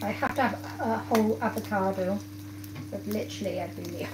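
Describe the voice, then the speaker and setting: A woman's voice: medium pitch, brisk. A woman, chatting casually to her live viewers while she cooks in her home kitchen. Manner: chatty, talks to viewers while busy at the stove. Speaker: cooking livestream host. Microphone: phone camera close by on the counter. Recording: kitchen noise, pans sizzling behind.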